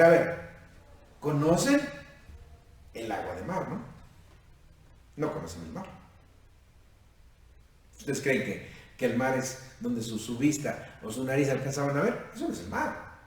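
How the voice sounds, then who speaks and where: A man's voice: medium pitch, a little mellow. A Mexican priest in his fifties with a Mexican accent, preaching a sermon at a youth retreat, questioning his listeners and calling them "mijo". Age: 50s. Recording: echoey room from far off, faint noise.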